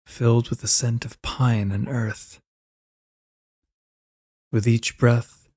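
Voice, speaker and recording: Gently and without hurry, a man narrates a guided meditation in a medium-pitched voice that stays soft and level, dark and mellow in color. His soothing phrasing sounds like careful settling-down instructions, recorded at studio quality with no echo.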